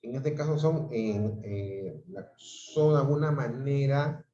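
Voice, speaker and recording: A male teacher gives an online grammar class in an unhurried, deliberate way, pausing to check that students follow. His voice comes through roomy and a little muffled, like dull lo-fi video call audio. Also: medium pitch, dark tone. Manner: explains patiently, checks in with "¿ok?" and "¿no?".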